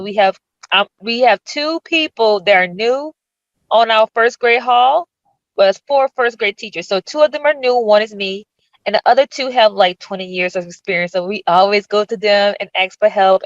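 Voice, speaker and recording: A woman's voice: mid-range voice, moderate pace, no echo. Young woman teacher on a dull clip. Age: young adult. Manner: chatty, warm about colleagues. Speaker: first-year teacher. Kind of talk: self-introduction in a video clip. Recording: dull, dry clip audio.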